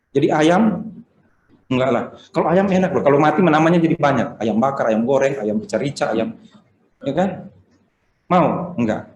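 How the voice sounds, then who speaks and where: A man's voice: on the high side, darkish tone, reverberant. A man preaching a Sunday sermon over a video call, telling stories and often asking his listeners questions. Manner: conversational preaching, asks the congregation questions. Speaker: pastor.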